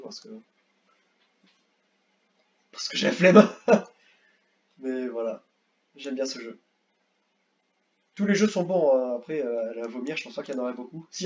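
Rambling young French gamer, lo-fi mic. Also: male voice, mid-range voice. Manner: rambling, repeats words, excitable bursts. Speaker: gaming youtuber. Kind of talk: casual tier-list commentary.

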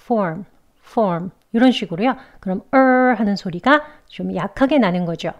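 A woman teaching English pronunciation, explaining mouth and tongue positions clearly and patiently, step by step. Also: mid-range voice, lively intonation, moderate pace, muffled recording. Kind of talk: instructional lesson narration.

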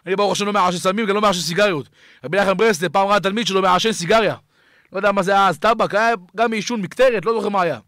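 A rabbi preaching a fiery sermon, shouting and pleading, swinging between loud cries and hushed tones. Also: male voice, high voice, no room sound, studio quality. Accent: Israeli Hebrew. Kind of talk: impassioned sermon.

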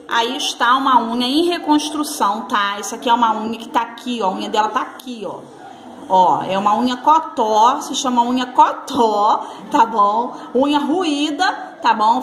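Chatty high-voiced Brazilian woman teaching. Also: fairly bright tone, slight background noise. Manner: chatty, reassuring, addresses viewers as girls and friends. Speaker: nail technician instructor. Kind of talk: casual hands-on tutorial. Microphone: phone camera.

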